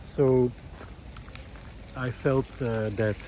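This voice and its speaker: Speaking very slowly in a mellow, steady, medium-pitched voice, a visual artist turned ecology project host offers an unscripted, reflective monologue. He is thoughtful and hesitant, searching for words, with slight background noise.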